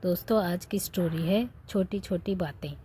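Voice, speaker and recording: A woman narrating a family story as a storyteller, reading every part in her own soft, steady voice. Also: fairly low pitch, normal speed, a little hiss or hum.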